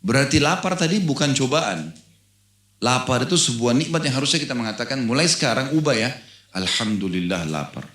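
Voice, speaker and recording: A middle-aged man preaching an Islamic sermon, animated and asking the audience questions. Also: medium pitch, a little fast. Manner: animated storytelling, acts out a dialogue in the anecdote. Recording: echoey room.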